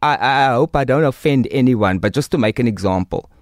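Man, Cape Town Coloured South African accent, mid-pitched, impassioned conversation, explains by example, dry recording. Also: expressive, a little fast, darkish tone, no echo. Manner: explains through analogies and examples.

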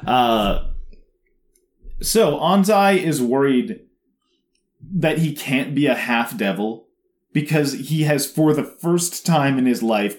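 A man's voice: mid-range voice, a little mellow. A man co-hosting a casual recap chat, sarcastic and rambling, mocking the scenes he describes. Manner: sarcastic, rambling, mocks scenes with quick put-on voices. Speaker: podcast co-host.

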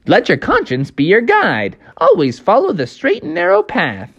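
A woman's voice: mid-range voice, wildly swooping pitch, moderate pace, vocal fry, slightly rough, lo-fi sound, pitched above the performer's own voice, full character voice. A woman voicing a cheerful, earnest little male cricket who hands out advice in a children's story. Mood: chipper earnest. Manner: earnest, preachy.

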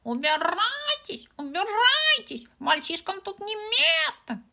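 A cheeky old parrot shrieks its words in a piercing high voice, each cry stretched out slow and loud. It sounds like a bird straight out of an audiobook. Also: female voice, sing-song, gravelly, heavily acted. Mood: screeching. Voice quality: screeching, drawn-out cries.

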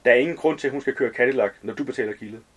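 A man reading as a gruff, terse old father. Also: medium pitch, dull audio, close to an everyday voice. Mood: loud cheering. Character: gruff, taciturn older father.

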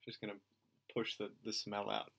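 A man's voice: fairly low pitch, monotone, normal speed, gravelly, fairly bright tone, a little hiss or hum. A man in his early twenties co-hosting a casual podcast, teasing his co-host with dry jokes. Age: early 20s. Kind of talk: casual chat.

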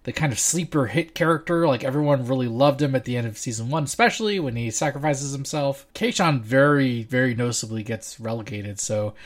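Man, podcast host, casual chat, chatty, animated, laughs a lot. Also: mid-range voice, brisk, hardly any pauses.

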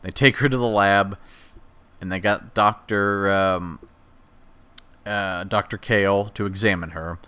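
A man's voice: lowish voice, fairly even intonation, measured pace, pauses often, sharp tone, clear, resonant tone. A man hosting a podcast, casually recapping a movie plot in a rambling, chatty way and voicing the characters' lines as he goes. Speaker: podcast host.

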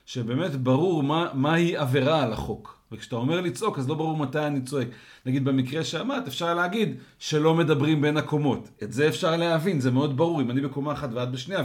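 A man co-hosting a casual podcast discussion, calmly restating points and giving examples. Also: a little high. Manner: calm, restates and expands with examples. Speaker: co-host.

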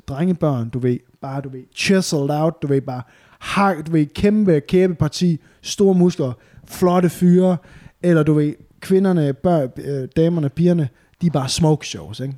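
A man's voice: a little high, warm tone. A man bantering casually as a podcast co-host, sweary and mixing in English slang.

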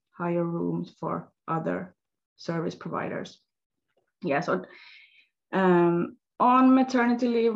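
Guesting in an interview, this health coach, a native Swedish speaker, recounts her experiences at a slow pace, pausing as she searches for words. Her voice is on the low side with a gravelly fry, heard through dull, lo-fi audio.

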